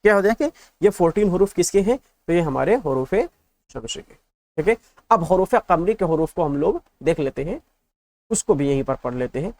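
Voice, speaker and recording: A man's voice: fairly high pitch, expressive, moderate pace, a little mellow, no echo. A male teacher giving an exam-prep lesson, patiently drilling letters in repeated lists and asking the class check questions.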